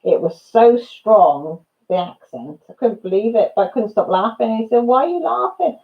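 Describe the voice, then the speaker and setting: With a fairly high pitch, lively intonation and moderate pace, a fifty-something channel host from Wales chats casually with viewers by name, laughing through her stories. The highs are cut off in the recording.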